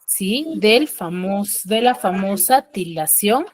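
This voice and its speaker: A woman's voice: medium pitch, animated, slow. A woman teacher giving an online class over a video call, often checking in with short questions to her pupils.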